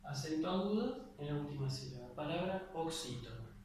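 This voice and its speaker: A young Argentine man teaches a class in a slightly high voice. The room rings with heavy echo, and he sounds set back from the mic. A faint hiss runs underneath as he explains patiently, checking in after every point. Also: expressive, normal speed, darkish tone. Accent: Argentine Spanish. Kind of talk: classroom lecture. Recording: very echoey room, voice far from the mic, faint noise.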